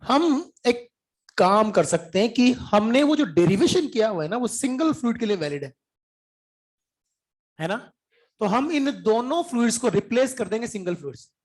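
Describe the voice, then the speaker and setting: A man's voice: very high voice, very animated, normal speed. Chatty male physics teacher mid-lesson. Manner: chatty, coaxing, often asks the class if they followed; mixes English terms into Hindi speech. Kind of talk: informal classroom lecture.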